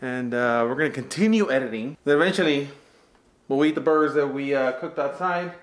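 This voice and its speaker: A man vlogging casually, joking and chatting to viewers about cooking outside and warming up by the fire. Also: mid-range voice, a little fast, a little hiss or hum. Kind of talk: casual vlog chat. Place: cabin deck and indoors by a fire, in the cold.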